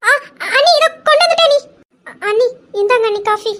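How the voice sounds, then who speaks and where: A woman voicing a meek, timid young sister who answers softly and hesitantly in a home-made audio drama. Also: very high-pitched, expressive, a little fast. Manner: soft, hesitant, obliging.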